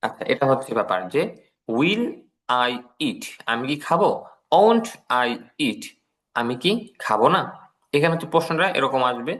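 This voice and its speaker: A man's voice: medium pitch, expressive, moderate pace, fairly bright tone. A man with a Bangladeshi Bengali accent teaching an English class, patiently repeating each word and translating it. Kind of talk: online class lecture.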